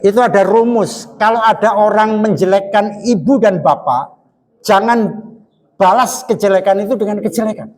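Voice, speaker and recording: A man's voice: high voice, normal speed, darkish tone. An older man with a Banyumas Javanese accent giving a religious study talk, folksy and joking, acting out bits of quoted dialogue. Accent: Indonesian, Javanese Banyumas. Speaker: preacher. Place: mosque study hall. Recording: long hall reverb.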